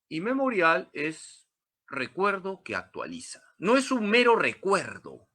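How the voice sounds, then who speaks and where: A man's voice: medium pitch, sharp tone. A man, a priest teaching a catechism class, who asks questions and answers them himself with emphatic repetition.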